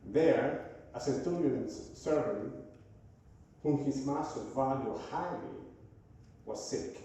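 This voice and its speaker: A guest speaker with a Venezuelan Spanish accent preaches a sermon in a church sanctuary, his mid-range voice dark in tone. He halts often, searching for words, with frequent "uh"s and restarts, and he's recorded from far off in an echoey hall.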